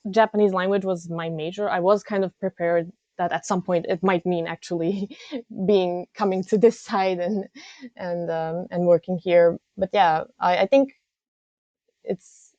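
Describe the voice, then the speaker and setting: A woman's voice: fairly low pitch, steady tone, measured pace, dark tone, no echo, dull audio. A young woman from Serbia, a guest in a casual interview, speaking hesitantly with many fillers and restarts. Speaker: guest, games news editor.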